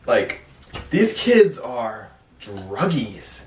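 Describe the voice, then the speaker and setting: A man's voice: medium pitch, very animated, extremely slow. A young man hosting a casual podcast chat in a blunt, slangy way. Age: young adult. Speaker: podcast host. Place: small bare room, indoors at a table. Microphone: distant camera or room mic. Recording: echoey room, distant mic.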